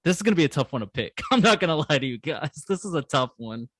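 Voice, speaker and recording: A man's voice: on the high side, expressive, fast, a bit bright, dry recording. A man co-hosting a casual sports podcast, teasing his friends and laughing a lot. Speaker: podcast co-host.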